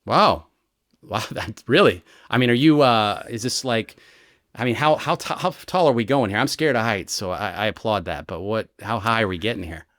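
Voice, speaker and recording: A man, a retired American federal agent, explaining his methods in an interview with lively examples and frequent "right?" checks. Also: on the low side, moderate pace, no room sound, studio quality. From United States. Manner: animated storyteller, explains with examples and rhetorical "right?". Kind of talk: conversational explanation.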